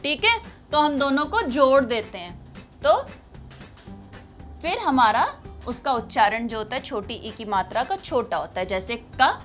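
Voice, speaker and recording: Lady teacher for little kids, talks slow, repeats every sound. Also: on the high side, lively intonation, a bit bright, faint music behind. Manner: patient, repeats each sound with a question. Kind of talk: children's writing lesson.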